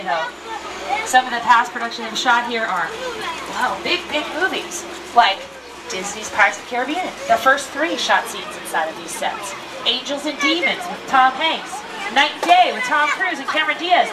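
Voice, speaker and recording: A woman tram tour guide giving an upbeat, playful scripted narration to riders, heard through an outdoor tram loudspeaker. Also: high voice. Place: open-air studio tour tram. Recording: distant outdoor loudspeaker with crowd and vehicle noise.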